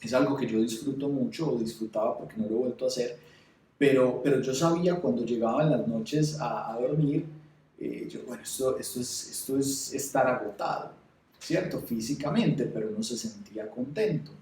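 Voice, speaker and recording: A man sharing a personal faith testimony, halting and repeating words as he tells his story with feeling. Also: medium pitch, warm tone, echoey room, recorded from a distance, rough recording. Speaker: testimony speaker.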